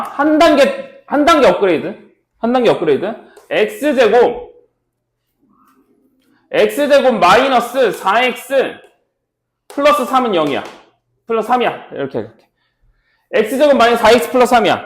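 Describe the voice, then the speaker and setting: Lively high-voiced male math teacher. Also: roomy sound. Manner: checks in often with students, repeats steps. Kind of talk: classroom lecture.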